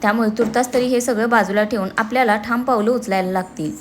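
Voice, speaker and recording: A woman voicing a calm, level-headed young man who reasons with his friends. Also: on the high side, fast, slight background noise, close to an everyday voice. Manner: reasoning, reassuring.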